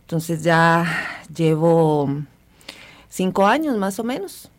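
Low voiced woman from honduras, talks real slow, soft, lots of "verdad". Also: very animated. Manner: soft-spoken and unhurried, many fillers. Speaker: guest, refugee support worker. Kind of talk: radio interview.

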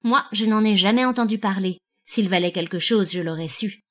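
A woman's voice: mid-range voice, a little fast, lightly acted. A woman reading an audiobook, voicing a cold, arrogant husband who sneers with contempt. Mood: scornful. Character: cold, arrogant, scornful married man.

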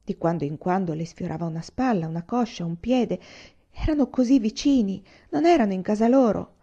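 Woman, audiobook reader, measured narration, gravelly, mellow, slightly muffled recording. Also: mid-range voice. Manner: measured, even storytelling. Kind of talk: literary narration read aloud.

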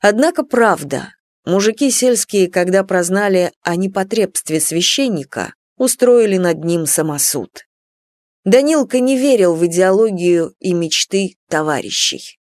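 A woman narrating an audiobook in a measured, dramatic storytelling manner. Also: mid-range voice, animated, a little mellow, no echo.

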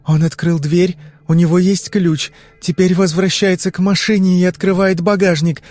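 Storybook role: male reader doing an anxious young woman under hypnosis, pitched up, hesitant. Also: level tone, moderate pace, a little mellow, no echo, soft background music, natural voice. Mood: tense. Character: frightened young woman reliving a trance.

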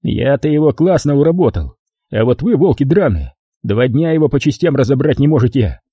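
A man reading an audiobook, voicing a menacing drunk gang leader who snarls crude threats in a husky, dark voice. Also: medium pitch, animated, a little fast, no room sound, highs cut off.

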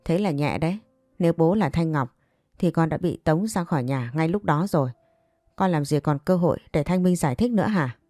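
A woman's voice: deep voice, lively intonation, a little fast, warm tone, dry recording, studio quality. A woman voicing a stern older father who firmly scolds his adopted daughter, in a narrated story. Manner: firm, admonishing.

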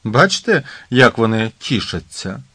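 A man reading the part of a youngish bespectacled man who talks calmly and condescendingly. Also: medium pitch, a little slow, husky, no echo, exaggerated voice. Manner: calm, condescending. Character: youngish man in glasses, confident know-it-all.

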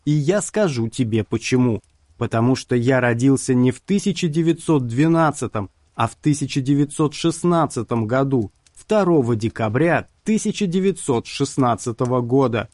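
A man's voice: mid-range voice, animated, normal speed, no echo, studio quality, lightly acted. A man voicing a defiant occult hero. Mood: calm triumph. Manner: defiant, shouted through clenched teeth. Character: defiant male occult investigator.

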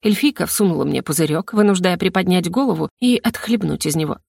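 A woman's voice: on the low side, animated, brisk, gravelly, a little mellow, no room sound, clean studio sound. A woman narrating a first-person fantasy audiobook with a wry storytelling manner.

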